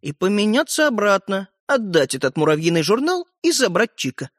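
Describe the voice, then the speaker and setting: A woman voicing an impatient, hot-tempered schoolboy brother in an audiobook, insistent and forceful. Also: medium pitch, very animated, dry recording. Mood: determined. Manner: insistent, shouting, slow and forceful. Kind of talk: audiobook character voice. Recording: dry close recording.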